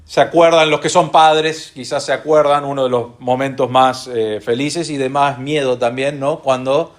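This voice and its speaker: A man with an Argentine accent preaching a sermon as pastor, earnestly slowing down to stress key phrases and putting rhetorical questions to the congregation. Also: mid-range voice, steady tone. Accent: Argentine Spanish.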